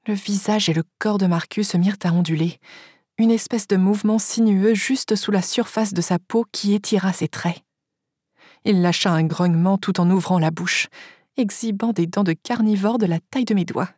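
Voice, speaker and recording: Brief: woman narrator, husky voice, dry close sound, steady first-person audiobook reading. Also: medium pitch, moderate pace, no echo.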